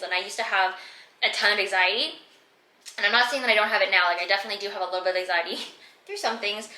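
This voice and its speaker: Her mid-range voice comes across pushed and bright in a roomy space. She's a fitness vlogger, twenty-five and from Canada, filling a laid-back Q and A in her room with plenty of filler words.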